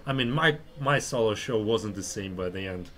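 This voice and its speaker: A man's voice: fairly low pitch, normal speed, fairly bright tone. A man from Russia with a Russian accent hosting a casual chat, hesitant, rambling and given to swearing. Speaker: podcast host, stand-up comedian.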